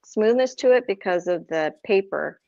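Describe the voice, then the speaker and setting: A woman with a Boston accent rambles through a casual craft chat, full of fillers and self-corrections. Her voice sits at a middling pitch. The livestream audio sounds dull and lo-fi. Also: lively intonation, normal speed, creaky, a little mellow, dry recording.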